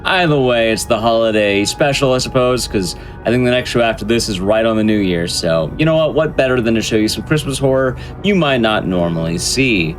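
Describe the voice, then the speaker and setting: A man's voice: medium pitch, lively intonation, brisk, few pauses, soft background music. A man hosting a speedrun show, making casual announcements and introductions.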